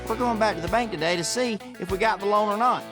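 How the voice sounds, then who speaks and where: A man's voice: high-pitched, fast. A man, a cattle business partner narrating a reality show. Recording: music behind the voice.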